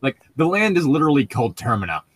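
Co-hosting a group read-along commentary show, a man chats casually and mocks the material in an opinionated, rambling, sweary style. He talks fast in a medium-pitched voice with big pitch swings, a bit bright and slightly rough.

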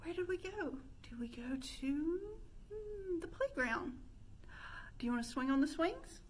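With a very high, sing-song voice, a woman in her thirties unhurriedly runs an interactive storytime as a children's librarian. She poses questions to young children during pretend play in an indoor room with a stone fireplace, with slight background noise.

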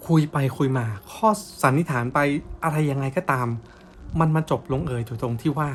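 A man's voice: fairly high pitch, normal speed, slight background noise. A young man telling a ghost story in blunt, casual, slangy talk.

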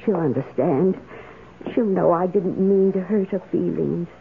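Heavily acted and gravelly, a lowish, slightly rough female voice moves at a measured pace. She's portraying an eager, emotional woman staying as a guest in an old-time radio drama, sounding anxious and remorseful with earnest, dramatic delivery, captured on a muffled lo-fi recording.

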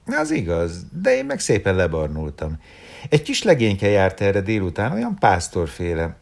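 A man's voice: deep voice, huge pitch swings, creaky, darkish tone, voice pushed up, heavily acted. A man putting on a teasing, chatty circus woman. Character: playful flirtatious circus woman.

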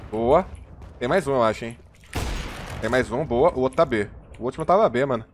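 Fast-talking Brazilian gamer man. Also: medium pitch, animated, slight background noise. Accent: Brazilian Portuguese. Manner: hyped, slangy banter, calling plays. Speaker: gaming streamer. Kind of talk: live gameplay commentary with teammates.

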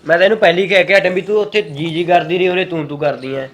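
A young man playing a mild younger brother in a family short film, soft-spoken and trying to calm things down. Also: high-pitched, very fast. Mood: reasoning.

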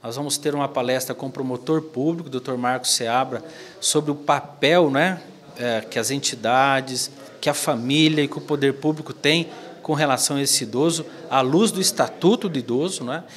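A man in his forties, a physiotherapy professor, giving measured interview answers into a handheld mic indoors, often tagging "né". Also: medium pitch. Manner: measured, explanatory, frequent "né". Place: indoor office corner by a plant.

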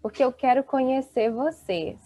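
A woman in her thirties teaching an online Portuguese class, slowly and encouragingly reading out students' chat replies. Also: high voice, dark tone. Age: 30s. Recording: dull, dry video-call audio.

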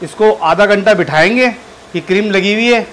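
A man's voice: high voice, moderate pace, a bit bright, a little hiss or hum. A man with a Pakistani Urdu accent posing as a pushy barber, coaxing and placating an annoyed customer in a salon prank. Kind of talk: comic prank banter.

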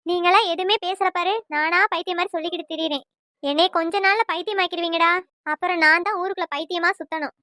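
A woman voicing a nagging, sharp-tongued middle-aged mother-in-law in a family cartoon. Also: fast talker, no echo, clean studio sound. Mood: furious. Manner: nagging, taunting, shrill. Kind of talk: cartoon voice acting.

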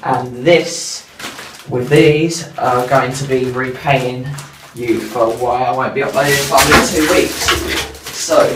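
A man's voice: medium pitch, steady tone, slow pace. Teenage male vlogger, echoey and noisy. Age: teens. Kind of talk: casual vlog explanation to camera. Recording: echoey, distant camera mic, clearly noisy.

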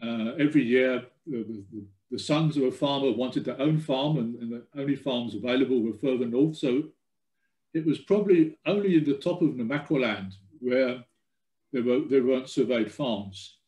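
An older man giving an informal, somewhat halting slide lecture over a video call from a room at home. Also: medium pitch, mellow, roomy sound, rough recording. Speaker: guest lecturer.

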